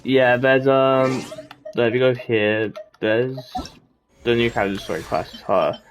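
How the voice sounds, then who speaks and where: A man speaks slowly in a medium-pitched, steady voice, offering casual gameplay commentary as a game streamer. He rambles and often trails off mid-thought, with game music playing in the background.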